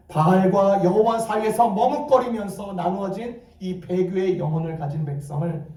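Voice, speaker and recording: A man with a high, mellow voice delivers a sermon and stresses his key phrases. The pulpit mic sits some distance away. The church hall around him rings with echo. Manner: emphatic preaching, repeating key phrases. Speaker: pastor. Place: church sanctuary.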